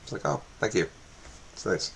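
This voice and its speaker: A man's voice: moderate pace, fairly bright tone. A man streaming his live trading session, muttering and repeating himself as he watches the chart, on a makeshift microphone. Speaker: day trader streaming live. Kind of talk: live trading commentary, thinking aloud. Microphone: makeshift or built-in mic, not a proper microphone.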